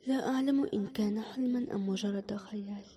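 A woman voicing a grieving young woman who speaks in a soft, tearful whisper. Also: medium pitch, fast talker, lightly acted. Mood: tearful longing.

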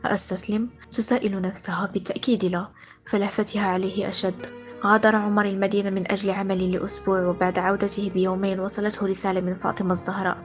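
A woman narrating a read-aloud story in a steady, literary manner. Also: medium pitch, fast, soft background music.

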